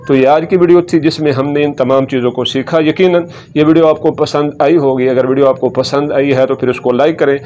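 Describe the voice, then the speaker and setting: A man's voice: medium pitch, a little mellow, dull audio. Patient man teaching letter sounds. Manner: patient, repeats sounds slowly and contrasts right and wrong. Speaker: Quran reading teacher. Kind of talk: slow step-by-step lesson.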